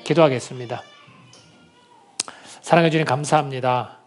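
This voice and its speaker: A man's voice: mid-range voice, moderate pace, faint music behind. A male pastor preaching a sermon in earnest, asking the congregation rhetorical questions. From Korea.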